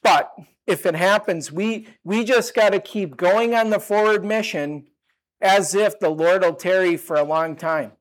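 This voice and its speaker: Older man preaching in a chatty way. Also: sits high. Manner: conversational, unhurried, with asides and restarts. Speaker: pastor. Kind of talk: sermon.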